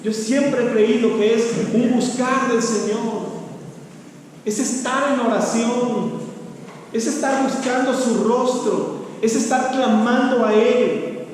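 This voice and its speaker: A Mexican pastor with a notably high voice preaches earnestly, often sinking to a soft, low delivery for emphasis. He is picked up from far off in a church hall with long, heavy reverb and faint background noise. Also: steady tone, slow pace. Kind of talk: sermon. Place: church sanctuary.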